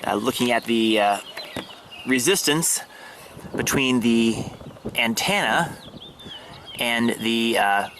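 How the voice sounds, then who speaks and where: An amateur radio hobbyist shows off his setup in a casual demo vlog, his mid-range voice halting, hesitant, and fragmented as he pauses and restarts. He films outdoors and inside a parked vehicle in a residential neighborhood, with background noise audible.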